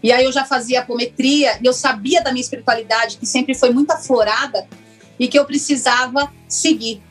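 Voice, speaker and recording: A woman, a former lawyer now working as a therapist, telling her personal story in an interview in a reflective, earnest way with many pauses. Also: high-pitched, fairly even intonation, faint music behind. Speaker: interview guest, former lawyer turned systemic constellation therapist.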